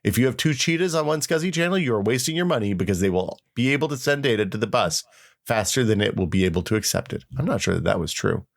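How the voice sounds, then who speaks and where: A man with a lowish, creaky voice hosts a podcast at a quick, animated pace. He keeps things casual, reminiscing, reading aloud and telling stories with informal, wry exaggeration.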